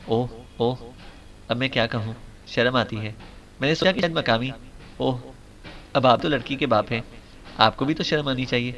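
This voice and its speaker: A man's voice: medium pitch, long pauses, fairly bright tone, recorded from a distance, muffled recording, slight background noise, natural voice. A man voicing a playful young male secret agent who banters in a teasing, mock-bashful way.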